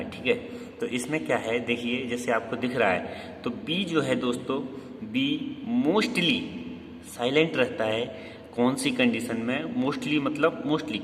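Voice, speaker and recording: A man's voice: mid-range voice, a bit bright, a little hiss or hum. Hindi-accented man teaching in an echoey room. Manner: repetitive, quizzing the viewers with questions and answers; stresses corrections emphatically. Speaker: English teacher. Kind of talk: screen-based grammar lesson. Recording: echoey room with long reverb.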